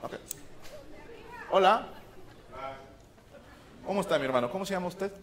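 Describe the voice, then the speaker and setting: A man's voice: high-pitched, moderate pace. A man with a Mexican accent doing crude, teasing crowd work as a stand-up comedian in a theater. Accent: Mexican Spanish. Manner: teasing, crude banter with the audience. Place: large theater with live audience. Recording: live show with loud crowd and noise.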